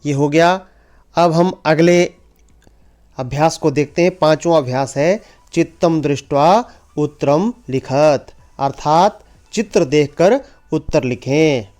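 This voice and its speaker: A man teaching an online language lesson, slowly repeating each word for pupils to say after him. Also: on the high side, a little mellow. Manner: slow, drills pronunciation by repeating words. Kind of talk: online Sanskrit lesson in Hindi.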